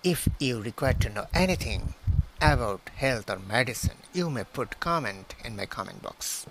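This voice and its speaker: A man, a pharmacist promoting a product on his channel and reading out its specs haltingly, recorded outdoors on a phone held at arm's length. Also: mid-range voice, lively intonation, noisy background. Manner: halting, many hesitations, reads list items one by one. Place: outdoors beside plants.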